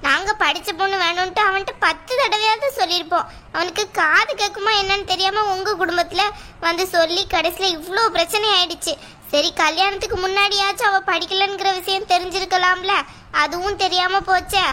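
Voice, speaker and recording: A woman's voice: very high-pitched, fairly even intonation, a little fast. A woman doing a soothing cartoon mother-in-law. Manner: soft, apologetic, soothing. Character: gentle soothing middle-aged mother of the groom. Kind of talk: cartoon voice acting.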